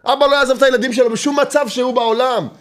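Man teaching Torah, very high voice, insistent and repetitive, rhetorical questions. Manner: lively, mixes in humor.

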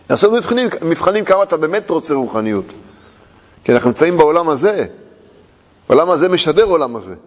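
A man's fairly high voice carries a religious lesson, with a long hall reverb around it. He teaches through quick rhetorical questions and plays with words, repeating phrases for effect. The tone is a rabbi's sermon before his class. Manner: rhetorical questions, playful repetition and wordplay.

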